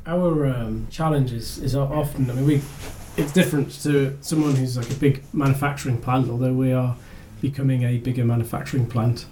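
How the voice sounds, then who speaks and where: A podcast host chats through an interview loosely, rambling, restarting sentences and laughing lightly. His mid-range voice is mellow and steady, a little fast with hardly any pauses, on poor audio with some hiss or hum.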